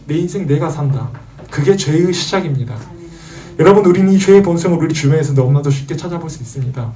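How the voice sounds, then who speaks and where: A man's voice: fairly high pitch, expressive, fast, dark tone, distant mic. A man preaching a sermon to teenagers, asking the audience questions and acting out the voices he quotes. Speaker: youth pastor.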